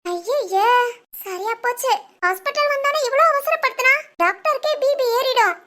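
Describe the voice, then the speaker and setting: A woman's voice: very high-pitched, lively intonation, normal speed, sharp tone, heavily acted. A woman voicing a middle-aged nurse in a cartoon, muttering and grumbling to herself.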